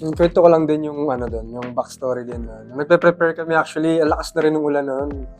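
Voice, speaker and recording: A young Filipino man casually telling his side of the proposal story, relaxed and pausing on fillers. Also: fairly high pitch, soft background music. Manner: relaxed, easygoing, with many filler pauses.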